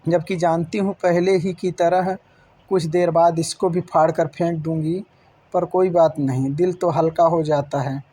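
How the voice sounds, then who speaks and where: A man reads as a young pregnant wife pouring her hurt into a letter, slow and sorrowful. The tone stays flat and the voice mellow and dark, somewhat high for a man. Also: husky.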